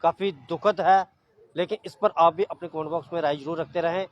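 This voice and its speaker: A man reporting from the scene as a news reporter, speaking in a formal, measured way. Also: fairly high pitch, fairly even intonation. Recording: dull, lo-fi field audio.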